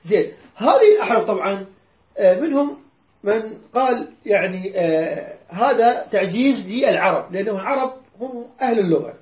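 A woman's voice: mid-range voice, animated, brisk. A woman with an Iraqi accent teaching a Quran class, patiently repeating words and quizzing her students. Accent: Iraqi Arabic. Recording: roomy dull lo-fi recording.

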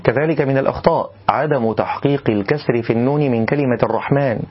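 Male tajweed teacher, measured explanation with slow melodic demos, slightly dull recording. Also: mid-range voice, breathy edge. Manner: explains calmly, then demonstrates recitation slowly and melodiously. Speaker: Quran recitation teacher. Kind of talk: tajweed lesson.

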